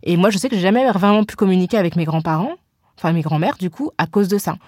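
A woman's voice: fairly low pitch, lively intonation, quick pace, darkish tone, dry recording, clean studio sound. A young woman talking candidly in a casual chat, telling personal stories with many fillers.

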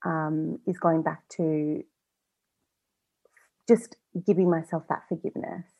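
A woman's voice: sits low, steady tone, takes it slowly, creaky, dark tone. A woman guest on a podcast, talking in a casual, chatty way, with many fillers, and often quoting her own thoughts. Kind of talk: casual personal interview. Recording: slightly dull lo-fi audio.

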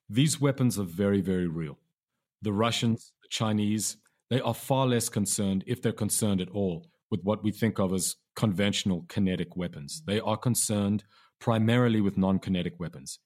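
Emphatic low-voiced male filmmaker. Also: darkish tone. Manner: emphatic, repeats words for stress. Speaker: documentary filmmaker guest. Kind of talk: interview answer.

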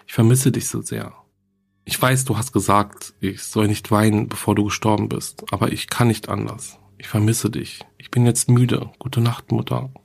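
A man's voice: on the low side, flat delivery, normal speed, creaky, darkish tone, breathy edge, soft background music. A man reading as a lonely young girl's diary. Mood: fearful. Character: lonely young girl writing diary to dead mother. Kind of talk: horror story reading.

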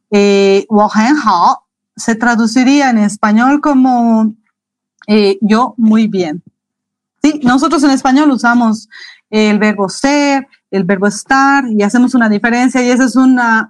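Woman, Mandarin teacher, higher voice, dry close sound, patient, repeats examples. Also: unhurried, dry recording, low-quality recording. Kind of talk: live online language lesson.

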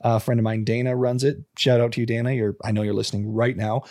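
A man with a gravelly voice, speaking as co-host of a true crime podcast. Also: medium pitch, level tone, fast talker, darkish tone, no room sound, studio quality. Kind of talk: casual chat with scripted intro narration.

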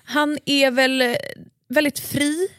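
A woman co-hosts a podcast in a chatty, reactive way. Her voice sits high. She is recorded close and dry in a studio. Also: fairly even intonation, a bit bright, dry recording. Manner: chatty, reacts with quick remarks. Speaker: podcast co-host. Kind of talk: casual chat. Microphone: studio microphone.

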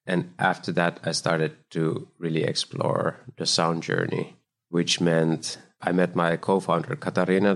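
A Finnish man, a founder and composer, telling his story in a thoughtful, measured way in a relaxed interview. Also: low-pitched. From Finland. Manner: thoughtful, measured, loose phrasing. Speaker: guest, startup founder and composer. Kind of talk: casual interview chat.

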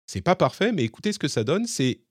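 A man's voice: on the high side, sing-song, fast, breathy edge, no echo. Man, slightly hybrid French accent, tech podcast chat, hesitant, dry sound. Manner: hesitant, many fillers and restarts, explanatory. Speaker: podcast co-host.

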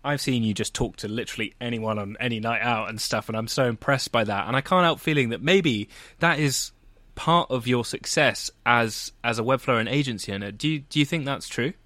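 A man's voice: medium pitch, a little fast, sharp tone, dry recording. A man hosting a podcast, introducing his guest with upbeat enthusiasm. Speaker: podcast host. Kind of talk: podcast interview.

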